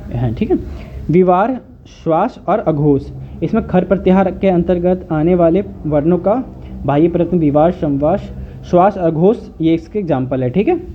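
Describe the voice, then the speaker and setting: A man tutoring online, explaining each term slowly and repeating it, often checking with "okay". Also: fairly high pitch. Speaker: Sanskrit tutor. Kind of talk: online lecture. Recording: muffled phone-like audio with faint hiss.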